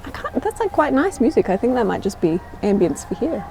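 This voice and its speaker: A woman's voice: on the high side, very animated, a little fast, creaky, noisy background. A young woman chatting playfully in a travel vlog, recorded outdoors on a tour. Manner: playful and upbeat. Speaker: travel vlogger. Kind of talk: casual travel vlog chat.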